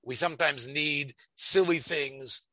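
Man, sharp bright tone, emphatic debating, stop-and-start phrasing, close dry sound. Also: on the high side, no echo. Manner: argumentative, emphatic, halting with repeated words. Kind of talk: religious debate, conversational.

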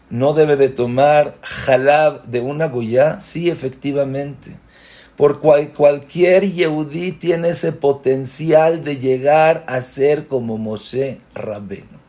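A man giving a spoken Torah lesson in an earnest way. He asks rhetorical questions, repeats words for emphasis and climbs to emphatic high peaks on key points. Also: warm tone.

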